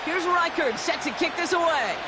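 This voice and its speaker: A man's voice: extremely high pitch, animated, normal speed, very noisy. A man playing a football announcer, calling the game in clipped, present-tense play-by-play phrases. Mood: focused. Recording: loud crowd and music behind.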